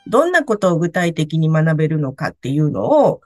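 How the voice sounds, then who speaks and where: A woman speaks with a blocked, nasal sound, as if through a head cold. Her delivery is lively and varied in pitch as she explains things in a polite, conversational way. The recording is close and dry. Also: a little fast, no room sound, faint music behind. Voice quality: nasal, stuffy nose from a cold. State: has a cold. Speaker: beauty salon academy director, expert speaker. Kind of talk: conversational explanation on a talk program.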